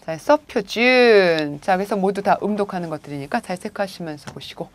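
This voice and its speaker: A woman who teaches Japanese delivers a recorded vocabulary lecture, steering students with frequent prompts and rhetorical questions. Her mid-range voice is expressive and her pace moderate.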